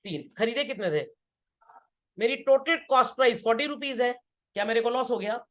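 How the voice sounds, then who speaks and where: A man's voice: very high-pitched, lively intonation, a little fast, fairly bright tone. Man, accountancy teacher, classroom lecture, repeats key points, keeps checking students understood. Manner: keeps asking students whether they understood.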